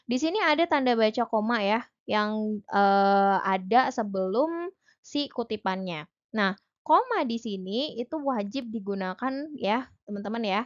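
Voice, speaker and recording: A woman's voice: fairly high pitch, lo-fi sound. Chatty young woman tutoring with fillers. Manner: chatty, explains step by step with many fillers. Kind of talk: online exam-prep lesson.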